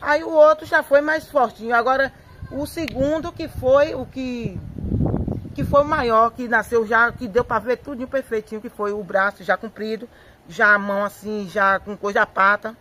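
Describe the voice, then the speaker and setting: A woman speaks outdoors into a handheld microphone, her voice sitting a little high. She recounts events in an excited, tumbling way, circling back and repeating words. She often quotes herself and her family as she goes. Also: moderate pace, a little hiss or hum. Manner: breathless, repetitive storytelling with acted-out quotes. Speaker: interviewee, local resident. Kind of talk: excited eyewitness account. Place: outdoors at a home yard.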